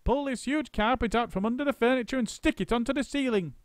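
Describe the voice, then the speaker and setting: A man voicing a frantic, bossy male monkey father who shouts orders. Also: very high-pitched, fast talker, no echo, clean studio sound, voice pushed up. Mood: commanding. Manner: shouting, excitable, commanding.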